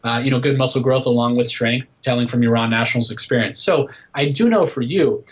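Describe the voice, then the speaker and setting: A man's voice: mid-range voice, brisk, slightly rough, dull audio. A man in his thirties, a guest coach on a casual podcast interview, explaining things patiently with many fillers. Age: 30s. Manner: explanatory, lots of "uh" and "um".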